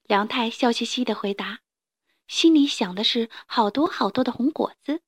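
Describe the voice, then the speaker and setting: A woman reading a children's story aloud in a gentle, expressive way. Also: on the high side, normal speed, slightly rough, dry recording, clean studio sound.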